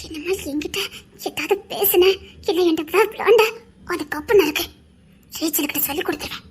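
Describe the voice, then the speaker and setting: A woman voicing young village women in an animated Tamil love story, talking in a quick, sharp way. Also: extremely high pitch. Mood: angry. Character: young village women, the heroine and her friend.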